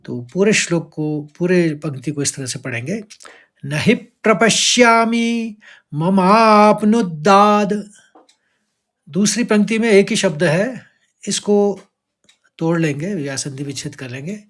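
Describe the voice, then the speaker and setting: A man teaching recitation, chanting verses slowly and breaking words into stressed syllables, then explaining quickly. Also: fairly high pitch, expressive, a little mellow.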